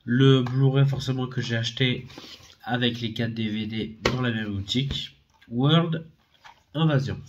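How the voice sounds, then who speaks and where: Battling a head cold, a man who collects DVDs and Blu-rays rambles unhurriedly through a casual unboxing video about his discs. His middle-pitched voice trips over fillers and self-corrections. The recording is slightly muffled and lo-fi with a noisy background, and the whole thing feels relaxed and unpolished.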